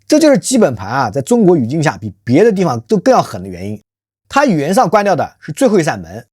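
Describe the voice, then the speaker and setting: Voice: mid-range voice, wildly swooping pitch, quick pace, darkish tone, slightly rough, dry recording, clean studio sound. A channel host delivering a scripted social commentary monologue, rhetorical and emphatic, often posing questions to listeners. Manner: calls self by nickname in third person.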